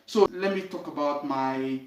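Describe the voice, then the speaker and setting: A young man with a Nigerian accent, the host of his channel, tells his own life story directly to the camera. His slightly high voice is earnest and unhurried, sprinkled with "okay?" and "you understand?". He sounds distant from the mic, in a roomy space with plenty of echo.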